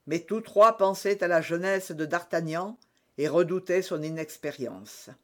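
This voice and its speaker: A man narrating an adventure audiobook with expressive, dramatic storytelling. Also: on the high side, a little slow.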